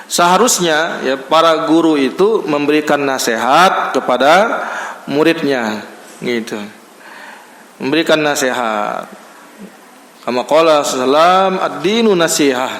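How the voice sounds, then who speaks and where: A man giving a casual mosque lecture, chatty and acting out small scenes with lively voices. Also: a little high, measured pace, pauses often. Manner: conversational, acts out little scenes with lively voices. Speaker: ustaz giving a monthly study lecture. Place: mosque hall. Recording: echoey hall with long reverb.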